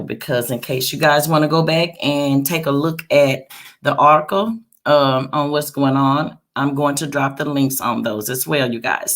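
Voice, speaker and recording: A woman hosting a casual celebrity gossip livestream, chatting straight to her viewers with frequent check-in tags like a quick okay. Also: sits low, fairly bright tone.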